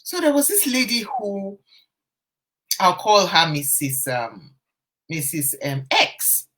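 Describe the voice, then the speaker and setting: A confidence coach with a medium-pitched, fairly bright voice speaks slowly and with huge pitch swings while telling a story on a casual live stream. Using a phone or webcam, she chats with viewers, greets them by name and frequently starts her phrases over.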